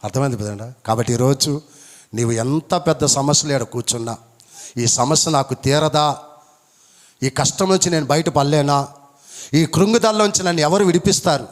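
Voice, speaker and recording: A male pastor preaching a sermon, driving points home with rhetorical questions and high emphatic peaks. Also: moderate pace, long pauses. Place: church hall. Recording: long church hall reverb.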